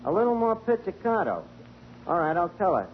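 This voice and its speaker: A man's voice: sits high, big pitch swings, brisk, narrow, tinny audio. Wisecracking man in a hissy old radio broadcast. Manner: wisecracking, folksy, drops into slangy grammar. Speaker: tavern manager answering the phone. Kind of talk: 1940s radio comedy acting.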